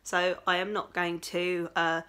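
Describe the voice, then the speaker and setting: A crochet vlogger, tired yet talkative, shows her yarn from a small home craft room. Her fairly low, slightly bright voice is a little slow with a flat delivery, and she rambles casually, using lots of fillers.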